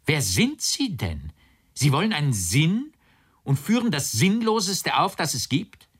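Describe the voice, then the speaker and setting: A man's voice: medium pitch, sing-song, normal speed, a bit bright, voice pushed up. A man voicing an agitated, indignant arrested man who exclaims in outraged, rising cries.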